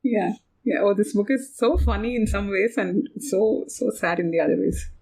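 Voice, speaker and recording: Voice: mid-range voice, moderate pace, darkish tone, slightly rough. A podcast co-host chatting casually about a book, hesitant and full of "uh" and "you know". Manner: chatty and laughing, with hesitant fillers.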